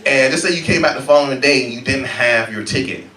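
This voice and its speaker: A man from Florida doing a stand-up comedy set on a club stage, animated and jumping into loud high-pitched bits. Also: fast talker. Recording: roomy club sound, mic some distance off, loud crowd laughter.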